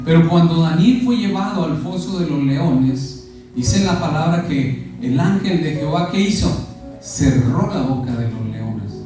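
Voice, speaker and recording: Mexican pastor preaching in an echoey church. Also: male voice, fairly high pitch, a little slow, over music. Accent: Mexican Spanish. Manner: preaching with questions to the congregation. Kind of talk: sermon. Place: church sanctuary. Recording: echoey church hall from far off.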